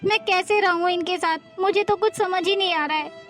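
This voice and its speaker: A woman playing a meek, unhappy daughter-in-law who quietly laments how she is treated, in a family drama skit. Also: very high-pitched, steady tone, normal speed, soft background music. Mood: sad. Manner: plaintive, soft-spoken.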